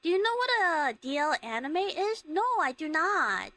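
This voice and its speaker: A woman hosting a livestream, chatting casually with viewers in a giggly, expressive, rambling way. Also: high voice, normal speed, no room sound. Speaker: livestream host, VTuber streamer. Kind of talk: casual chat with live viewers.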